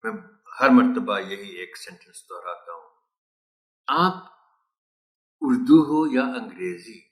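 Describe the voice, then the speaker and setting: A man giving a teacher tutorial, mixing Urdu and English, explaining slowly and reciting poem lines with careful stress. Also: on the low side, animated, reverberant, low-quality recording. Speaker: teacher trainer.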